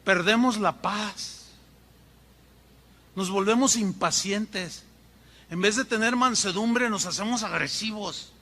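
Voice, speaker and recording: High, bright Mexican preacher. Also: male voice, slow pace, pauses often. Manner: animated, acts out scenes, asks the congregation questions. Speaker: pastor. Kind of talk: sermon. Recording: echoey church hall.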